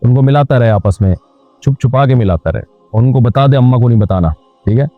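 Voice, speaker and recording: A man, an Islamic scholar, answers questions with frank, direct counsel in a steady middle-pitched voice. The sound is thin and phone-like, dry, with faint music behind it. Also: fast talker, no echo. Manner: direct, advisory, plain-spoken. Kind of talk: question-and-answer religious advice.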